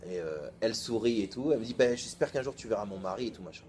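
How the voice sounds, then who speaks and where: Male rabbi, 30s, lowish voice, casual storytelling preacher who acts out the dialogue. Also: fast, slight background noise. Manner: colloquial, lively, acts out both sides of a dialogue. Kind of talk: informal storytelling sermon.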